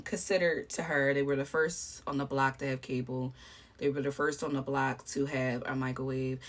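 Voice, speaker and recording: Woman in her 30s, vlogger, low voice, chatty and rambling, storytelling while doing makeup. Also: fairly bright tone. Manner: chatty, rambling, many fillers. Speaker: beauty vlogger.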